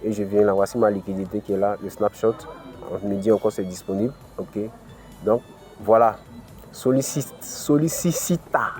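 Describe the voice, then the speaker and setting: A crypto channel host with an African French accent guides viewers step by step through a screen-recorded tutorial, sprinkling in plenty of "ok" and "voilà." His voice is lowish and warm, his delivery flat and a touch quick, with soft music playing behind him.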